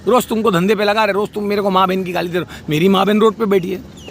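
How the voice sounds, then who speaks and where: A man's voice: high-pitched, fairly even intonation, fast, a little hiss or hum. A man delivering a heated, scolding rant about a family dispute, outdoors by a street. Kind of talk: angry spoken rant.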